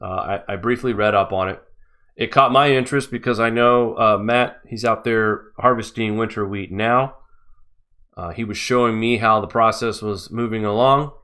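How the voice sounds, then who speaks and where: Man, live-stream host, sarcastic news commentary, fairly low voice. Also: normal speed, sharp tone, smooth. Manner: mocking, sarcastic.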